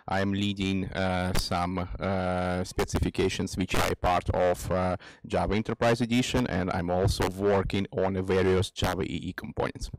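A man introducing himself on a conference panel, speaking in a halting way with pauses and fillers. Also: low-pitched, flat delivery, no echo, rough recording. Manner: hesitant, halting.

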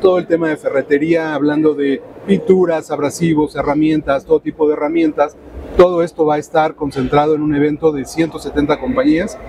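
A middle-aged man with a Mexican accent, speaking as an event director in a businesslike manner and pausing often on fillers. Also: a little high, steady tone. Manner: businesslike, many filler pauses. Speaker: trade show director. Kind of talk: interview answers. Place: trade show booth indoors. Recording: noisy expo floor ambience.

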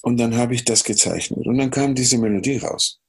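A man from Chile with a Chilean Spanish accent, a music producer telling animated stories in a podcast interview, humming melodies and acting out dialogue. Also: medium pitch, fairly quick, creaky, breathy edge. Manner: animated storyteller who hums melodies and acts out dialogue. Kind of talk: casual podcast interview storytelling.

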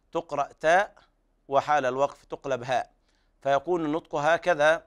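Man teaching recitation, smooth clear voice. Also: on the high side. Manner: explains tajweed rules, then slowly chants verses as examples. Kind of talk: televised recitation lesson.

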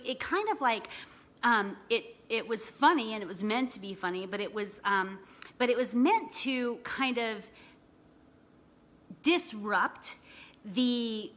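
Her voice is fairly high with a fairly bright tone. The thirty-something small business coach talks casually from the couch in her living room into a phone camera at arm's length, chatty and loaded with fillers, "you know" and "right?" tags.

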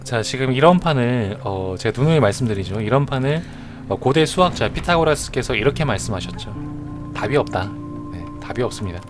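A man's voice: medium pitch, animated, fairly quick. A man streaming a game live, chatting in a joking, mock-earnest way as he justifies his moves. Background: music.

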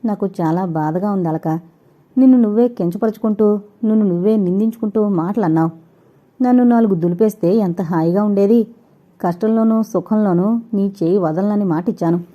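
A woman voicing an earnest young man who calmly reasons and pleads his love, read as an audiobook character. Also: medium pitch, moderate pace, close to an everyday voice. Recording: dull lo-fi recording.

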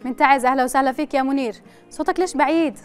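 Female quiz show host, Yemeni accent, high voice, playful and chatty with callers, light music underneath. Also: racing. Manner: playful, teasing banter with callers. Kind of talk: chatty live game show presenting with callers.

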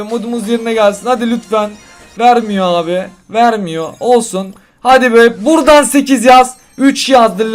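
High-voiced excitable young gamer man. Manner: excitable, quickly frustrated, addresses viewers as friends. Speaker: gaming YouTuber. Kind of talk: casual gameplay commentary. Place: hot room at home.

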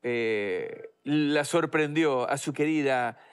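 A man's voice: medium pitch, slow pace, clear, resonant tone. A man hosting a TV interview in a studio, asking playful, teasing questions. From Ecuador. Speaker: TV host.

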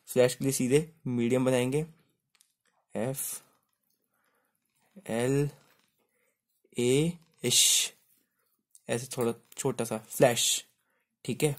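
A man's voice: mid-range voice, steady tone, extremely slow, pauses often. A male shorthand teacher giving a step-by-step tutorial, spelling words letter by letter and repeating "simple" and "okay".

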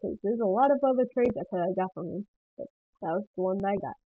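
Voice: medium pitch, lively intonation, fast. A speaker giving casual gameplay commentary for a guide, rambling and hesitant, often laughing and trailing off. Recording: tinny phone-like dry sound.

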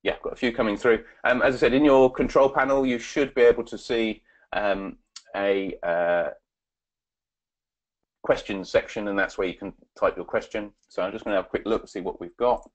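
A man giving a webinar presentation and answering questions, halting with many fillers and restarts. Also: fairly low pitch, dull audio.

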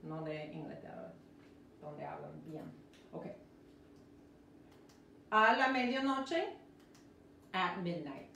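Slow, repetitive woman teacher, roomy echo. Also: sits low, big pitch swings, gravelly, a bit bright, a little hiss or hum. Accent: American English when modeling words. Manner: explains slowly, repeats each word several times. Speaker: English teacher. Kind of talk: live-streamed language lesson. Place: indoor room, live stream. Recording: roomy echo from a distant mic.

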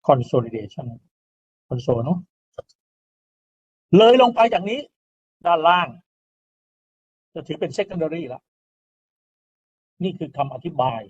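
A man's voice: on the high side, expressive, takes it slowly, long pauses, husky, muffled recording. A male engineering lecturer giving an informal recorded lecture. He explains step by step and often checks in with "right?". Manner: explains step by step, often asks "right?" and adds polite particles.

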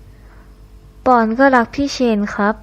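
A woman's voice: slow pace, natural voice. A woman voicing a shy teenage boy who answers in a flustered, defensive way.

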